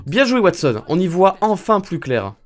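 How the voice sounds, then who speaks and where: A man's voice: high-pitched, sing-song, moderate pace, pitched above the performer's own voice. A man reading the lines of a clever, haughty male detective in a video game, in a lofty, theatrical way.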